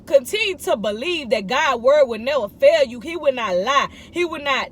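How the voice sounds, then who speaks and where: A woman's voice: sits high, lively intonation, normal speed, fairly bright tone. A woman in her thirties giving a casual morning devotional, emphatic and repetitive as she urges listeners to keep believing. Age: 30s. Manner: emphatic, repetitive exhortation in informal speech. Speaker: vlogger giving morning encouragement.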